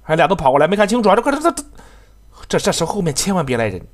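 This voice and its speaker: Excitable man, lively pitch. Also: very fast. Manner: excitable, swears often, laughs, talks to teammates. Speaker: game streamer. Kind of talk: live gameplay commentary.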